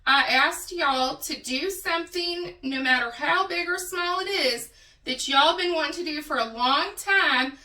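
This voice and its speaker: A high-pitched, bright-toned woman with a West Texas drawl, chatting slowly and drawing out her words as she talks to viewers. The recording sits in an echoey room, a little away from the mic. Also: far from the mic. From Texas Panhandle. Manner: chatty, drawn-out words, says y'all. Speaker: mukbang vlogger. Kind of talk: casual eating vlog chat.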